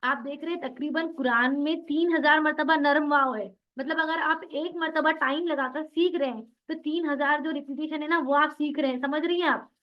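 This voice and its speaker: High-voiced woman drilling tajweed syllables. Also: fairly even intonation, dull audio. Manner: asks questions and answers them herself; drills syllables slowly, one by one. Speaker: Quran recitation teacher. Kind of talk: online tajweed class.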